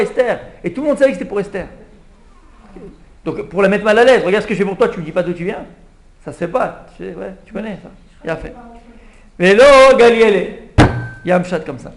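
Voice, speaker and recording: A man, a rabbi, giving a lively Purim Torah class and acting out the king's pleading for a small audience. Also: high-pitched. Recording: echoey room, faint background hum.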